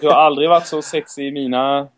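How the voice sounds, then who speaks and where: A man's voice: fairly high pitch, steady tone, a little hiss or hum. Joking podcast host man, fumbling words. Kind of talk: casual chat.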